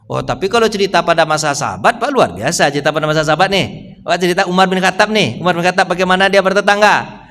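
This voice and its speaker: High-voiced male preacher in an echoing mosque. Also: fast talker, a bit bright. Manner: keeps asking the congregation questions, addressing them as sir. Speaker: Islamic preacher. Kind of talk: casual morning mosque study talk. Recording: echoey mosque hall with long reverb.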